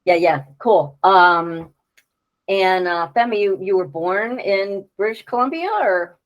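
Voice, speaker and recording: A woman hosting a casual radio interview, upbeat and quick with enthusiastic interjections. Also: mid-range voice, lo-fi sound. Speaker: radio show host.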